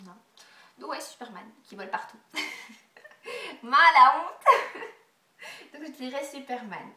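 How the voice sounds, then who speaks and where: A young woman with a congested, stuffy nose answers tag questions for her vlog in a loose, chatty way, full of hesitations and little quiet asides. Her voice comes across bright and clear in tone. She sits back from the microphone, and the room echoes around her. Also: medium pitch, far from the mic. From Belgium. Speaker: beauty vlogger. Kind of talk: casual Q&A tag video.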